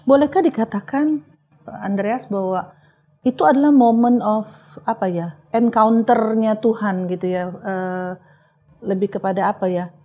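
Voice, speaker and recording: A woman hosts the conversation with a mellow, warm tone and a husky edge. She thinks aloud and sums up her guest's words, filling pauses with little hesitations. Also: mid-range voice, fairly even intonation. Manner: reflective, summarizing the guest's story with fillers. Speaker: host. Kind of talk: interview conversation.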